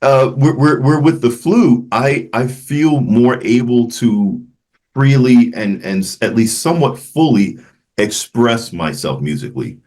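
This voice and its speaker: A man's voice: medium pitch, expressive, a little mellow. A man from Memphis, a jazz flutist talking reflectively as an interview guest, often restarting his sentences. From Memphis, Tennessee. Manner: reflective, halting with frequent restarts. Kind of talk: casual interview conversation.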